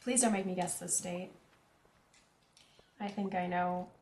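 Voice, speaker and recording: A woman's voice: fairly low pitch, fairly even intonation, a little slow, a little mellow, roomy sound, a little hiss or hum. A young woman from Canada with a central Canadian accent, chatting casually with her viewers while playing a farming game. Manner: chatty, reads chat aloud, giggly asides. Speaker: streamer. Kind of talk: casual gameplay chat.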